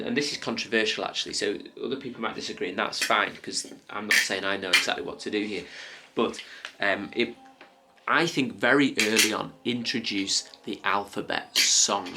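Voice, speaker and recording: A man's voice: on the low side, heavy background noise. A man teaching a toddler letters in playful, simple talk with coaxing questions and praise, and asides to viewers. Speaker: parent teaching phonics to a toddler.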